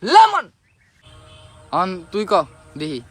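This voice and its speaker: An actor playing a harsh, bossy English tutor in a comedy skit, scolding and bursting into shouted words. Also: male voice, high voice, sing-song, normal speed, loud music behind the voice. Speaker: teacher.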